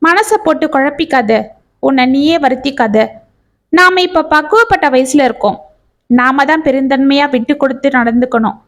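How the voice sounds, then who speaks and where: A woman voicing a kind middle-aged man who calmly reassures a friend. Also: high voice, moderate pace. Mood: reassuring. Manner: gentle, calm, reassuring. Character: kind, steady middle-aged male neighbour.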